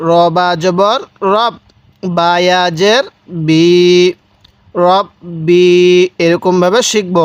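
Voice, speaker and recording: A man teaching Quran reading, spelling out letters and syllables slowly and repeating each one for the learner. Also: high-pitched, no echo. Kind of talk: slow spelled-out recitation lesson.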